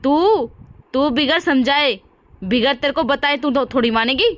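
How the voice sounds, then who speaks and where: A woman's voice: sits high, unhurried, a bit bright, dull audio. A woman voicing a harsh, taunting older mother-in-law in a cartoon story. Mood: angry.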